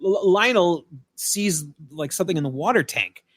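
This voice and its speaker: Animated, slightly high-voiced man recapping a film. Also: normal speed, no room sound. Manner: animated, profane storytelling with fillers. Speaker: podcast co-host. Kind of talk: casual film-review retelling. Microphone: podcast mic.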